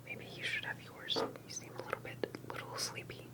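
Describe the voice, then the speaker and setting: Acting as an interviewer in ASMR roleplay, a woman poses deliberate, carefully chosen questions. She never raises her voice above a soft, breathy, unvoiced whisper.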